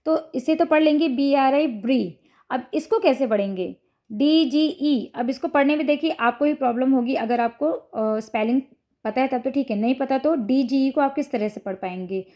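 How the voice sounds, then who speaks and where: ऊँची, मधुर आवाज़ वाली महिला शिक्षिका. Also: female voice, high voice, moderate pace, dark tone. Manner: patient, step-by-step explaining with frequent "ठीक है" checks. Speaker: teacher explaining phonics to parents. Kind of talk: explanatory lesson to camera.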